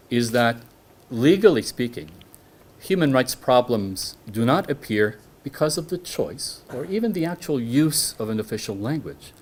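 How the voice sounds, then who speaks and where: A guest lecturer, a man whose native tongue is French, delivers an academic law lecture to a hall audience in measured English. He often restarts his phrases and poses questions to listeners, and his voice is medium in pitch.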